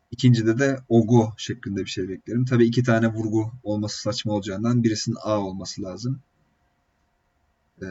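A man with a low, slightly husky voice teaches a lesson, patiently working through examples and pausing on hesitation sounds. The recording is dull and lo-fi, with the top end rolled off. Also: darkish tone. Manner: patient, explains step by step with many "e" fillers. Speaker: language teacher. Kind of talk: online language lesson.

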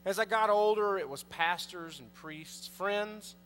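A man's voice: sits high, a little slow, a bit bright, faint music behind. A man in his thirties, a priest, preaching a conversational sermon from the pulpit and putting questions to the congregation. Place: large church, indoors. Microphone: pulpit mic, far camera. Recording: long church reverb, faint mains hum.

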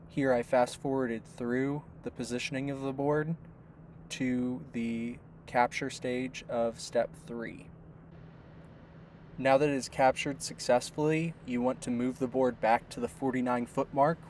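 Male tutorial narrator, middle pitch, plain step-by-step delivery, faint noise under the voice. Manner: steady, step-by-step explaining. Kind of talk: instructional voice-over.

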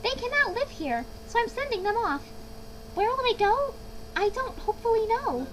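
A querulous little storybook creature, as a woman reader puts it on, pitched way up high and croaky. It scolds and pleads in indignant rhyme on behalf of the trees. Noticeable noise runs behind the voice. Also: sing-song, normal speed, rough recording. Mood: plaintive. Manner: scolding, pleading, theatrical rhyming delivery.

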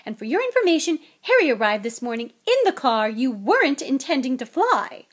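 A woman voicing a furious middle-aged wife and mother in a storybook, shouting and scolding in sharp accusation. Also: high-pitched, very animated, fairly quick, pitched above the performer's own voice.

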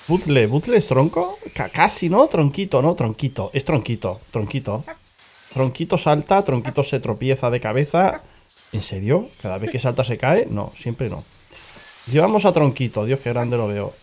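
A man's voice: mid-range voice, sing-song, normal speed, darkish tone, breathy edge. Joking Spanish man commenting gameplay. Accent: Spain Spanish. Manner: swearing, joking, reacting to the game aloud. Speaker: gaming channel host. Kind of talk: casual let's-play commentary.

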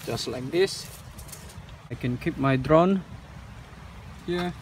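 A Malaysian man with a medium-pitched voice reviews a drone as he unboxes it on pavement outside. His talk is unscripted and halting, loaded with "uh" and loose, non-standard English grammar. The mic is distant, and street noise can be heard.

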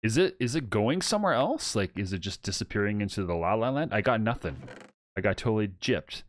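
A man's voice: lowish voice, expressive, a little fast. A man hosting a casual co-op game session, playful and mock-grumpy, laughing as he plays. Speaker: gaming channel host. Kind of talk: casual co-op gameplay chat.

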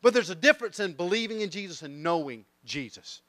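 Man preaching, hushed then soaring. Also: high voice, lively intonation, brisk, no echo. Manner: swings from hushed intensity to loud rising emphasis; tells stories with quoted voices. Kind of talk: sermon.

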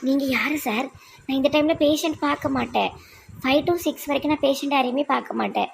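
A woman with a high, gravelly voice scolds a friend with hurt, tearful reproach, as a doctor in a comedy skit. A faint outdoor hum sits under her voice. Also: brisk.

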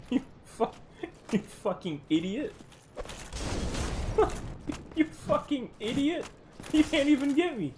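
A woman streamer giving live gameplay commentary, swearing constantly, laughing and yelling at the game. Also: high-pitched, slow, pauses often. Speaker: gaming streamer. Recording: steady background noise.

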